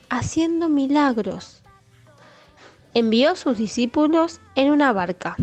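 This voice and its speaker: A woman's voice: sits high, a little mellow. A woman with an Argentine Spanish accent telling a Bible story to young children, in a sing-song, exaggerated storytelling manner. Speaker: children's Bible class teacher.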